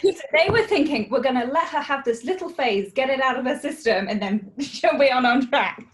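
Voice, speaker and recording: A woman hosting an interview, chatting casually and responding in a friendly way, quick to laugh along. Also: sits high, animated. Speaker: podcast host.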